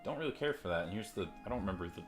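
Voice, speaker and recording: Racing along and animated, a deep-voiced man unboxes toys in a casual, rambling way, putting himself down and swearing offhand. Faint music sits behind him, and the sound comes from a desk microphone and a phone mic.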